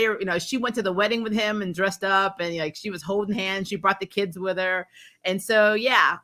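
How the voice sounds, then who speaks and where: Giggling and rambling, a livestream host recaps a TV episode in an informal, chatty way, acting out quotes and correcting herself often. Her medium-pitched voice comes across pushed and bright.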